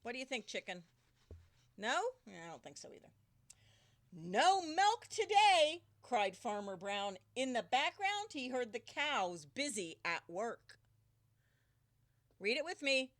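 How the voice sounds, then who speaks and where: A woman teacher with a fairly high voice reads a picture book to children inside, keeping a measured pace. Lively in her delivery, she breaks off often to quiz the little ones.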